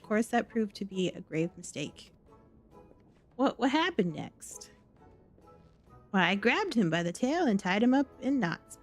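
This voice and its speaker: A woman voicing a boastful, cowardly male sailor with a rough pirate-like drawl, reading game dialogue aloud. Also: medium pitch. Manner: bragging, then babbling in panic.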